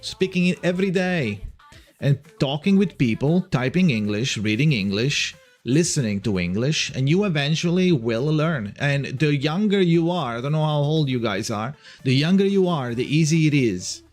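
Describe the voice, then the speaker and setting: Animated and moderately paced, the young streamer from Italy talks in a mid-range voice with an Italian accent while faint music plays. His casual chat wanders, with restarted sentences and the odd swear word.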